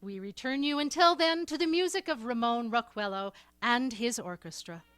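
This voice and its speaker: Actress as a crisp bulletin announcer, formal delivery, dry close sound. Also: female voice, on the high side, moderate pace, a bit bright, no echo, lightly acted. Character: formal radio news announcer. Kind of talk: 1930s radio drama acting.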